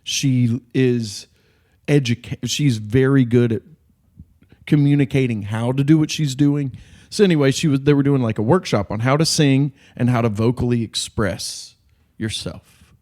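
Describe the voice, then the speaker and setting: A man's voice: medium pitch, normal speed, a little mellow. A man co-hosting a podcast, telling a story in casual chat with an intense, earnest manner and acting out the people he quotes. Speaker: podcast co-host.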